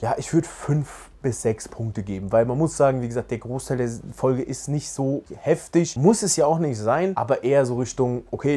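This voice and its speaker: A man's voice: medium pitch, dark tone. A man hosting a casual video review from his couch, chatty and slangy, mixing in English words. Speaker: channel host reviewing a series. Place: sitting on a couch at home.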